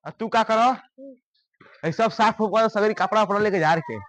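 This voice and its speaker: A mid-pitched voice with a Bhojpuri accent gives out chores as a contractor in a rustic comedy sketch. The tone is plain and matter-of-fact. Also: moderate pace.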